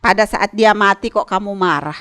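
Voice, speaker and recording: A woman doing God, gently scolding. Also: medium pitch, normal speed, clean tone, big-room sound, natural voice. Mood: reproaching. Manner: reproaching, questioning. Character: patient questioning male God.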